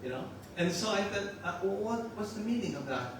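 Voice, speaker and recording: An older pastor from the Philippines, whose accent blends Filipino with some Australian, delivers a casual, joking sermon, chatty and laughing often. He has a high voice at a moderate pace, recorded from well off the mic so it rings through a very reverberant room over a steady hiss.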